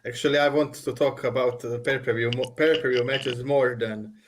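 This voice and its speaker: Male podcast co-host, mid pitch, halting casual delivery. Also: fairly even intonation, over a noisy crowd. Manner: hesitant, many ums and restarts. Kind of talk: casual panel chat.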